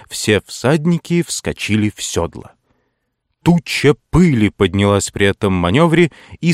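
A man narrates a novel in a measured, unhurried storytelling voice. His tone sits on the low side. The recording is close and dry, with no room echo. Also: a little mellow. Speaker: audiobook narrator. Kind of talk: scripted literary narration.

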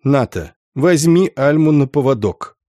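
A man's voice: medium pitch, animated, a little slow, warm tone, no echo, clean studio sound, natural voice. A man voicing a stern woman who gives curt commands.

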